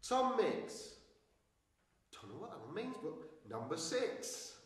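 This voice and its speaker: Brash, weary bingo caller, played by a man, high-pitched, comic club patter, very echoey hall. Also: sing-song. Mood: deadpan calling. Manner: bingo caller's patter, drawn-out calls with pauses before numbers. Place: small stage with curtains, indoors. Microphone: handheld microphone, recorded from a distant camera. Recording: very echoey hall, distant, faint noise.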